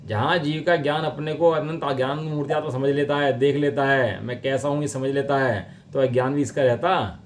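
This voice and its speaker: A man's voice: medium pitch, steady tone, slight background noise. A man giving a religious discourse on Jain scripture, explaining with everyday examples and asking his listeners questions. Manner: lists terms slowly and deliberately.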